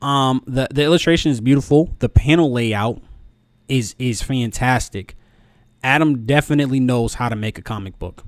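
A man in his thirties talks through a casual review. His voice sits at an average male pitch, and he stumbles over and repeats words. He is recorded close and dry, with very little echo. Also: normal speed. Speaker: video commentator. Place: small room at home. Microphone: close desk microphone, headphones on.

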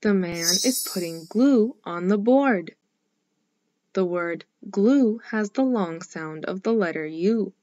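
A woman teaching a scripted phonics lesson for young children, speaking slowly and clearly in an encouraging way. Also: mid-range voice, lively intonation, darkish tone, no echo. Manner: slow, clearly enunciated, encouraging.

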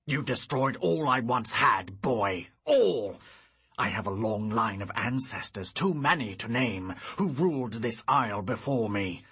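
A deep, growling old tyrant king, stern and full of wrath, as an audiobook narrator puts him on. He speaks slowly with a husky, breathy edge and a forceful, bright tone. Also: lively intonation, full character voice. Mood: furious. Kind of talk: audiobook character reading.

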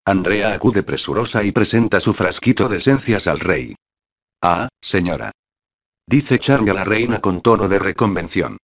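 A man reads a novel aloud in a steady, measured way. His voice is very low and deep. The recording is dull and lo-fi, without much sparkle. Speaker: audiobook narrator. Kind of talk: scripted narration.

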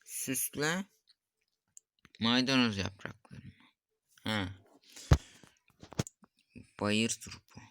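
There's slight background noise as a young streamer plays a mobile cooking game, muttering and reading recipe steps aloud in frustration. His medium-pitched voice is very slow, with long pauses, and sounds pushed and bright.

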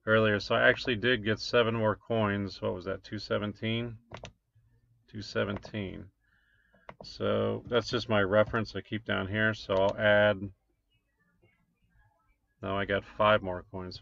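Man, 40s, low-ish gravelly voice, casual screen-share vlogger, lo-fi dull sound. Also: bright, forceful tone, no room sound. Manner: rambling, reads numbers aloud with many "um"s. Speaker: crypto mining vlogger. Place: small room at a desk. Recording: dull lo-fi desk recording.

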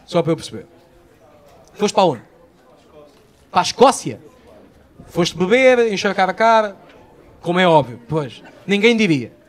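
A young stand-up comedian with a Portuguese accent does crowd work live on a comedy stage, bantering loudly with the audience and swearing freely. His voice sits high and is very animated, at a moderate pace with long pauses. The live recording carries faint crowd noise.

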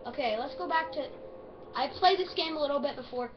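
A woman's voice: high voice, brisk, muffled recording, music in the background. Chatty hiccuping woman gamer. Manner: chatty, easily excited, rambling. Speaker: gaming video host. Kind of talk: casual let's-play commentary.

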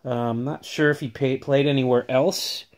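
A man's voice: medium pitch, fairly even intonation, normal speed. Rambling casual man showing collectibles. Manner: rambling, filler-heavy, upbeat. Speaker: autograph collecting vlogger. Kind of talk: casual show-and-tell vlog.

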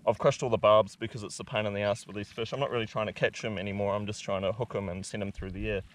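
A man's voice: on the low side, fairly even intonation, quick pace, far from the mic. A man, chatting casually to an action camera while kayak fishing at sea. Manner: laid-back, chatty, laughing, slangy. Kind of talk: casual vlog talk to camera. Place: kayak on open sea outdoors. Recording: outdoor camera with wind and water noise.

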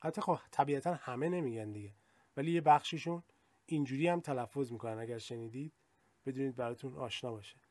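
A man teaching English vocabulary, explaining in casual talk and reading example sentences slowly and carefully. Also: medium pitch, darkish tone, dry recording. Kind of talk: vocabulary lesson in Persian.

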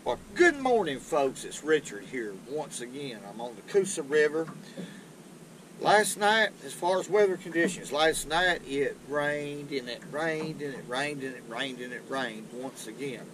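A man's voice: fairly high pitch, animated, a little slow, fairly bright tone, slight background noise, rough recording. An older man with a drawl, hosting a fishing show and explaining tackle in a rambling, folksy way from a small boat on a river. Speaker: fishing channel host. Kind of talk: casual fishing how-to talk. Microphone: action camera on the boat.

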